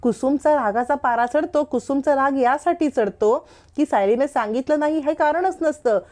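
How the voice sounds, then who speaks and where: Woman narrator, dramatic storytelling recap, fairly high voice, mellow warm tone. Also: normal speed.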